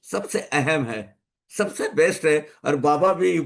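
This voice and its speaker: Slow, higher-voiced man giving a spiritual talk. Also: animated, creaky. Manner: emphatic, repeats phrases for stress; mixes English phrases into Hindi. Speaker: satsang speaker. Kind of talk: spiritual discourse.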